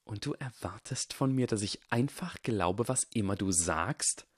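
A man reading the part of a proud, suspicious young aristocratic wizard who speaks in a hushed, clipped way. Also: on the low side, animated, measured pace, breathy edge, dry recording, studio quality.

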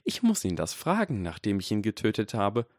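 A man's voice: on the low side, huge pitch swings, fairly quick, a little mellow, no room sound, studio quality. A man voicing a fierce, determined teenage witch girl, cool and sardonic, in an audiobook reading. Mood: coolly sardonic. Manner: cool and sardonic, then urgent whispers.

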